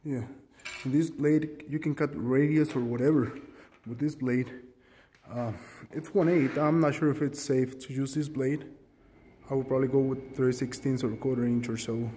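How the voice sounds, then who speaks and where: A man's warm, mid-range voice moves at a moderate pace with fairly even intonation, sounding like a large hall with slight background noise. A DIY fabricator, he casually demonstrates a tool modification in his garage workshop on a handheld phone camera, rambling with many ums and self-deprecation.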